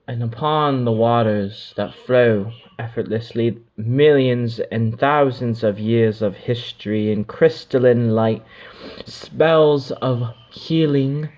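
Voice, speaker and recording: Speaking as otherworldly beings, a man delivers a channeled spiritual monologue in a mid-range voice. His drifting, mystical delivery includes pauses and soft, trailing asides.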